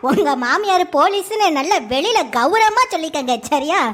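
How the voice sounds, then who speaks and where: A woman's voice: very high-pitched, lively intonation, moderate pace, fairly bright tone. A woman voicing a young, officious male police officer in a cartoon. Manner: officious, explaining.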